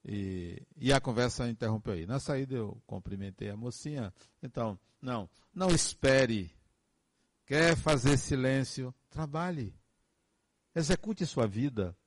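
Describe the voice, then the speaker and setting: A man's voice: medium pitch, expressive, a little slow. A man, speaking as a counselor in a reflective, earnest monologue full of advice and emphatic repetitions.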